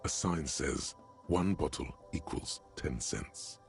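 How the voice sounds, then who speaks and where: Brief: a grave game narrator, extremely deep and gravelly, deliberate pacing. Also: male voice, soft background music, heavily acted.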